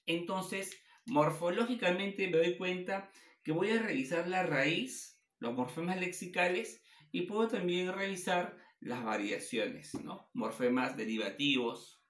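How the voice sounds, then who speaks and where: A male teacher giving a classroom lecture at the board, asking questions and answering them himself, spelling words out slowly. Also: sits high, expressive, a bit bright. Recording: echoey classroom.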